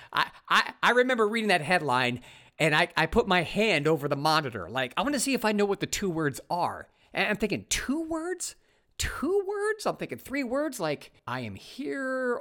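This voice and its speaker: A man hosting a talk show, delivering a sarcastic, opinionated commentary monologue. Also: fairly high pitch. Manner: sarcastic, mocking, animated.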